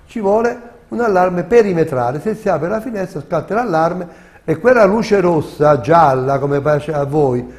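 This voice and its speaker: A man's voice: a little high, lively intonation, normal speed, darkish tone. A man in his sixties with a southern Italian accent from Campania, giving emphatic, colloquial commentary as a local TV host. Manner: emphatic, colloquial, rhetorical questions. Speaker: host of a local TV citizens' complaints programme. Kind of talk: opinionated commentary to camera. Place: TV studio. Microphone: lapel mic.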